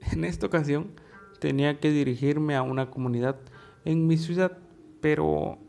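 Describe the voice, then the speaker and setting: A man narrating a first-person horror story in a measured, deliberate way with dramatic pauses. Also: fairly high pitch, darkish tone.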